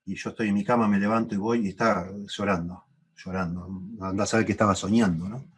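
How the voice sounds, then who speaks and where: Teaching a church Bible class, a middle-aged man from Argentina speaks with a Rioplatense Spanish accent, steady in tone and fast. He's thoughtful, repeats phrases to drive points home, and his pitch climbs when he stresses something. Slight background noise is present.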